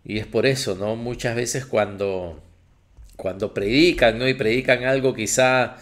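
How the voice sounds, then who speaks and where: A man preaching a sermon as a pastor, animated, acting out the voices of the people he quotes and often restarting his sentences. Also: mid-range voice, measured pace.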